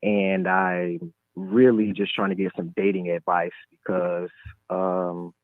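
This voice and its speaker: A man in his twenties from Michigan speaks as a caller to a live show, his voice heard over a phone line. His voice sits fairly low, and he talks in a hesitant, halting way full of fillers. The line sounds thin, tinny and dry. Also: level tone, no room sound. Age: 20s. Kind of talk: casual call-in chat.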